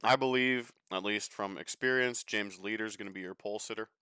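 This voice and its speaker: A man's voice: on the low side, brisk, sharp tone, clear, resonant tone, no echo, clean studio sound. A young man casually talking through a sim racing live stream, chatty and swearing freely with an offhand joking manner.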